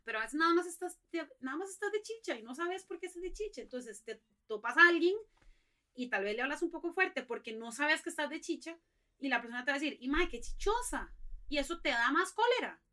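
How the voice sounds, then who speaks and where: A woman's voice: sits high, fast talker. A young woman with a Costa Rican accent, a podcast guest in casual chat, talking animatedly and acting out the things people say. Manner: animated, acts out quoted remarks.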